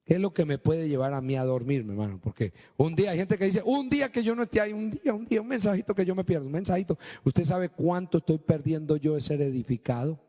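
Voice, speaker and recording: A man preaching a sermon as pastor, swinging between low, slow stretches and high, emphatic bursts. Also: mellow, in a large hall.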